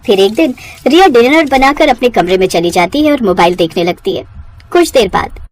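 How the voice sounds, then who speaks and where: A woman narrating a family storybook cartoon in an expressive, scripted way. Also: on the high side, moderate pace.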